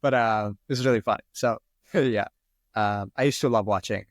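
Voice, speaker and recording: A man in his twenties from Sri Lanka, whose first language is Arabic, answers podcast questions as a guest in a rambling, casual way packed with "like" and "um." His voice is lowish and his pace moderate. The studio recording is clean, with no room sound.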